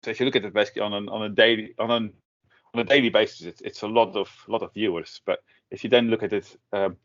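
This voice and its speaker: A middle-aged man from the Netherlands talks casually, often stopping to restart his sentences. His voice sits on the low side. The audio is dull and lo-fi. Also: steady tone, quick pace, a bit bright. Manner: hesitant, many restarts and fillers. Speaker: guest, tech blogger. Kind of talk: casual interview talk.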